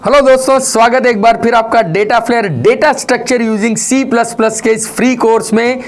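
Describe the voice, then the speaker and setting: A man's voice: very high voice, steady tone, fairly quick, faint music behind. A man in his forties teaching a programming lecture, mixing Hindi and English and asking rhetorical questions. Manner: mixes Hindi and English, with frequent rhetorical questions and "right?" check-ins. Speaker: programming instructor.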